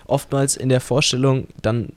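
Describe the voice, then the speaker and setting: Ruhiger Mann, trocken aufgenommen. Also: male voice, mid-range voice, moderate pace, dry recording. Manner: calm, reflective, with "äh" fillers. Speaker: podcast co-host. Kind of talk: casual podcast chat.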